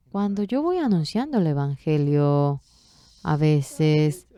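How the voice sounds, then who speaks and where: A woman's voice: deep voice, warm tone, clear, resonant tone. A woman interpreting a sermon, telling a story earnestly with emotional swells.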